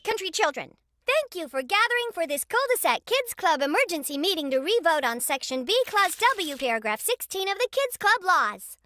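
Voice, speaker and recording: High-pitched, earnest cartoon girl. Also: big pitch swings, moderate pace, pushed and bright, full character voice. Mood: formal, decisive. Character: earnest, civic-minded young girl, Emily. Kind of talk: animated cartoon dialogue.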